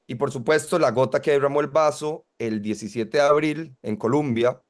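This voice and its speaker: A man, a student activist answering interview questions in a measured, articulate way. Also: mid-range voice, steady tone. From Costa Rica. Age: 20s. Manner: articulate, measured, argues point by point.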